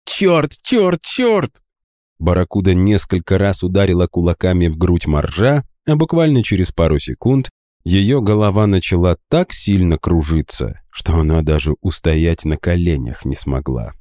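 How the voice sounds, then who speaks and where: A man narrating a fantasy audiobook in an expressive storytelling manner, in both third and first person. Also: deep voice, moderate pace, dry recording, clean studio sound.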